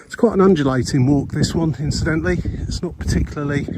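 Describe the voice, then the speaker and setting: A man's voice: a little high, fast. An older man chatting casually while walking a clifftop path, slightly breathless, with lots of fillers and restarts. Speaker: walking vlogger. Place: outdoors on a clifftop coastal path. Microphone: body-worn mic while walking. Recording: loud outdoor wind and traffic noise. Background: outdoor ambience and passing vehicles.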